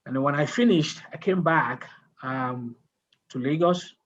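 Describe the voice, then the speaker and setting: Husky man mentoring on a call. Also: fairly high pitch, unhurried, fairly bright tone, lo-fi sound. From Nigeria. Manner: conversational, asks the group questions, tells stories with restarts. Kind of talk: casual mentoring talk on a video call.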